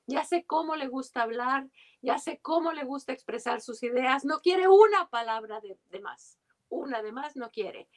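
High-voiced woman translator musing aloud. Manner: thoughtful, often ends with "digamos, ¿no?". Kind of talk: casual conversation about translation.

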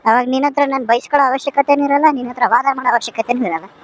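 A man's voice: very high voice, fairly even intonation, very fast, pitched above the performer's own voice, low-quality recording. A man voicing a cheeky talking motorbike that scolds its rider in a comic motovlog sketch. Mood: scolding. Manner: bossy, scolding, talks back.

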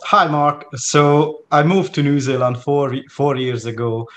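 Hungarian-accented man, 40s, guest on a video call; halting, lots of "uh"s, light background hiss. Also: medium pitch. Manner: hesitant, many fillers and restarts. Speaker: guest lecturer. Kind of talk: interview over video call. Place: home room with plants.

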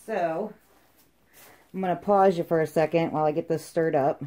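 Low-voiced woman muffled behind a mask. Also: steady tone, normal speed, warm tone. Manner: muffled, talking through a mask over the mouth. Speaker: resin craft demonstrator. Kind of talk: casual craft tutorial narration.

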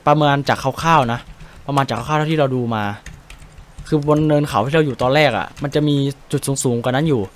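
A young man with a Thai accent streams a survival game, excitable and chatty as he walks through tactics, swearing freely along the way. His voice sits at a middle pitch. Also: fairly quick, a little hiss or hum. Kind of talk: casual gameplay commentary.

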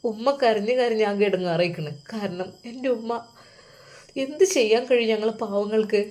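A woman's voice: medium pitch, moderate pace, a little mellow, natural voice. A woman voicing an angry older brother who presses bitter, accusing questions, with a Malappuram Malayalam accent.

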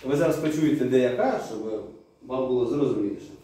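A man's voice: medium pitch, fast talker, dark tone. A man who makes drums, explaining step by step and addressing viewers directly. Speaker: drum workshop maker. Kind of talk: product explainer video. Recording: very echoey room, distant mic.

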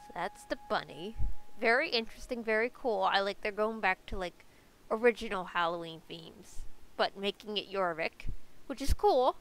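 Chatting her way through a game guide, a young video creator sounds stuffy and congested, upbeat and full of fillers. Her mid-range voice has a fairly bright tone, though the recording itself is rough.

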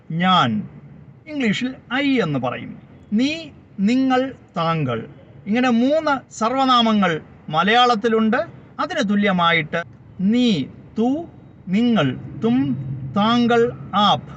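Slow-speaking high-voiced man teaching. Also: a bit bright, dull audio, slight background noise. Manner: slow, deliberate, repeating word lists. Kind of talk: spoken language lesson.

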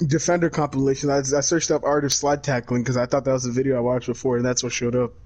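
A man's voice: mid-range voice, flat delivery, fast talker, darkish tone, a little hiss or hum. A man in casual voice chat among friends, insistently defending himself. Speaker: gamer in voice chat.

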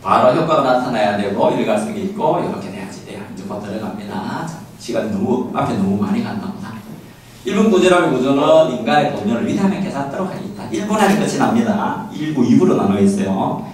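Lively man lecturing in an echoey hall. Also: medium pitch, fast talker, recorded from a distance. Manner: lively, acts out quoted parents and children; laughing often with the audience. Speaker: parenting lecturer. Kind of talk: lecture to an audience of parents.

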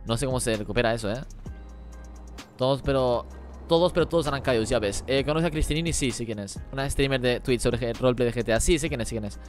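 A man streaming a game live, talking rapidly as he reads and answers the chat. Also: mid-range voice, faint music behind. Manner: rapid-fire talk while reading chat. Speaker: gaming streamer.

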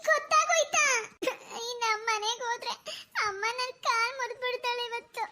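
Anxious young cartoon girl, voiced by a woman, stammering and pleading, very high. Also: fast, bright, forceful tone. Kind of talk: cartoon voice acting.

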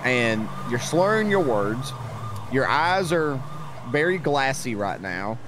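A man's voice: mid-range voice, very animated, slow pace. A man playing a police officer in a role-play game, questioning a driver bluntly and with sarcasm. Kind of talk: role-played traffic stop questioning. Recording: noisy stream mix with game vehicle sounds.

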